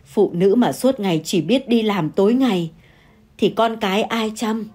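A woman playing a composed older wife who answers calmly and firmly. Her tone stays steady and measured as she scolds and reasons. It is heard in a spoken audio story. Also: mid-range voice, slightly rough, natural voice. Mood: calm retort. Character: older wife, calm and firm.

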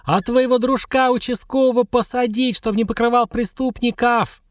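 A man's voice: on the high side, animated, normal speed, dry recording. A man voicing a drunken, hulking village woman who screeches hateful accusations. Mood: drunken screeching.

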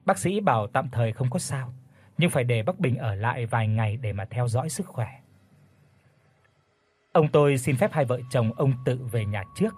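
A man narrating a ghost story as an audiobook, in a steady storytelling voice. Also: mid-range voice, slightly rough.

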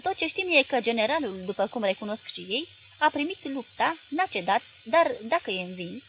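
A calm young man answers with dry irony, as a woman narrator voices him. Her voice stays somewhat high, with a faint hiss under this audiobook reading. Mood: wry.

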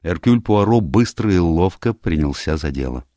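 Guy reading an audiobook, really deep voice, calm and even, dry close mic. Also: normal speed, dry recording. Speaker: audiobook narrator. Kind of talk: scripted narration.

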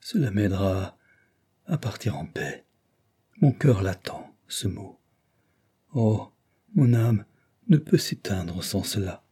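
A man's voice: fairly low pitch, big pitch swings, takes it slowly, pauses often, mellow, slightly rough, heavily acted. A man voicing a dying young noblewoman, remorseful and devout, with a tremulous, pleading delivery in an audiobook reading.

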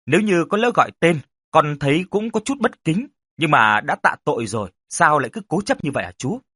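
A man's voice: a little high, big pitch swings, brisk, pushed and bright, husky, no room sound, clean studio sound, heavily acted. A man voicing an uneasy young adult nephew who respectfully asks his uncle questions.

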